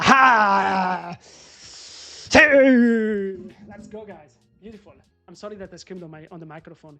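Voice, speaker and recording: A man doing live trading commentary on a stream, excitable and swearing as he talks to the market. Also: high-pitched. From Morocco. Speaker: day trader live-streaming.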